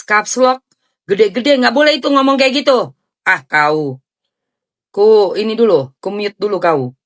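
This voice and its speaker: A woman hosting a casual livestream, talking animatedly, scolding her chat and thanking viewers. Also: medium pitch. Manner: animated, scolding, switching into Javanese phrases. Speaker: livestream host.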